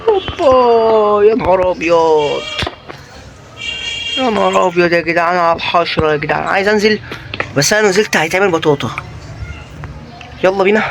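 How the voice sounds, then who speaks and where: A man with an Egyptian Arabic accent giving Minecraft let's-play commentary, jumpy and panicky, breaking into high shrieks when scared. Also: fast talker, vocal fry, pauses often, over music. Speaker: gaming YouTuber.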